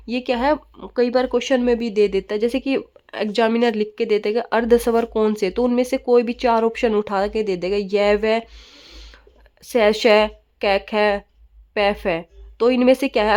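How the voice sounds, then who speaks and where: A woman's voice: fairly high pitch, a little mellow. A woman teacher giving a grammar lesson, often asking questions and answering them herself and mixing in English words.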